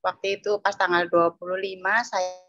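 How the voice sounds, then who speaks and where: A woman giving a personal testimony at a church women's meeting, telling it plainly with many pauses and fillers. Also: fairly low pitch, level tone, a bit bright, no room sound. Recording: dull, dry, lo-fi sound.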